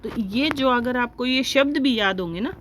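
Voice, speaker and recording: A woman teaching a lecture to exam students, explaining step by step and often pausing to check with her listeners. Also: a little high, a bit bright, a little hiss or hum.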